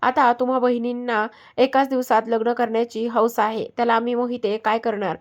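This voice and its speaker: A woman's voice: fairly high pitch, level tone, a little fast, muffled recording, natural voice. A woman voicing a playful young man who teases his fiancée and then firmly reassures her, in a spoken story. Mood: teasing.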